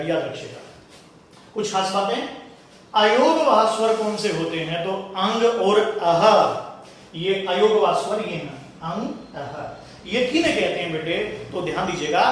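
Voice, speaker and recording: A man's voice: high-pitched, fairly bright tone, slight background noise. A male grammar teacher giving a classroom lesson, calling his students "children" and repeating each point patiently. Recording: very echoey room, voice from a distance.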